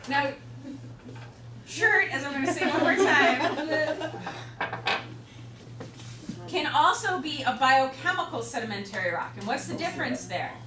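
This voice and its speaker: A woman's voice: high-pitched, lively intonation, unhurried, pauses often, a crowd in the background. A woman with a Chicago accent teaching a class, chatty and joking, with many fillers. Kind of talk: classroom lecture. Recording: roomy classroom from far off with noise.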